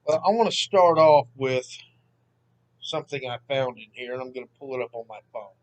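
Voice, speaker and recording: In a mid-range voice and a brisk delivery, a Mississippi man in his 30s chats casually from his home seat as a history channel host. He's laid-back, digressive, and self-deprecating, and the recording is rough.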